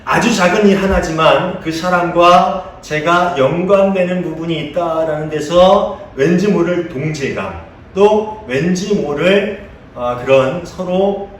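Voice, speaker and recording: A man's voice: a little high, a little hiss or hum. A male pastor preaching a sermon in a conversational way, asking his congregation questions and telling playful anecdotes. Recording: echoey room heard from a distance.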